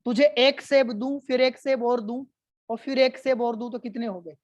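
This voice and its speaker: A woman voicing a stern male schoolteacher who quizzes a pupil, asking slowly and patiently before growing exasperated. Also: a little high, fairly even intonation, darkish tone, dry recording, muffled recording, close to an everyday voice. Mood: questioning.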